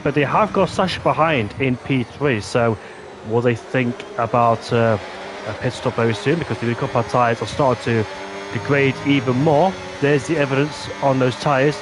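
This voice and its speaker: Excitable male sim racing commentator. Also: background noise. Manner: excitable, rising in pitch during battles, apologetic asides. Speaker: race commentator.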